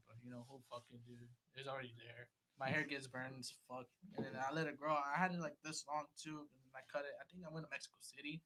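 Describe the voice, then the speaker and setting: A man's voice: mid-range voice, background noise. A young man from Oceanside, California, guesting on a podcast. He chats casually in a rambling, laid-back way, with lots of fillers and swearing. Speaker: guest musician. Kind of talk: casual chat.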